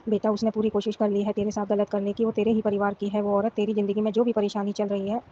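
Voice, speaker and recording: A woman's voice: mid-range voice, monotone, fast talker, dark tone, muffled recording, slight background noise. A middle-aged woman from Rajasthan giving an emotional, pleading devotional testimony and prayer. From Rajasthan, India.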